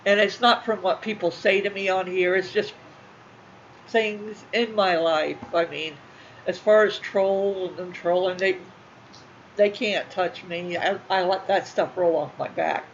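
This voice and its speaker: A middle-aged woman, talking casually and emotionally to her viewers, halting and repeating herself. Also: on the low side, fairly even intonation. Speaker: channel host. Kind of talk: casual talk to livestream viewers. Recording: slightly muffled with faint room noise.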